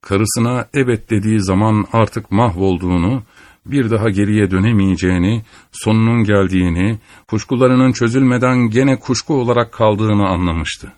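Low-voiced man reading a solemn audiobook. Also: normal speed, a little mellow, no room sound. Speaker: audiobook narrator. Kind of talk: scripted literary narration.

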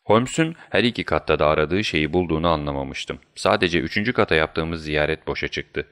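A man reading a story aloud as narrator, with steady storytelling. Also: extremely low pitch, brisk, smooth, no room sound, studio quality. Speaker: audiobook narrator. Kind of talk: scripted narration.

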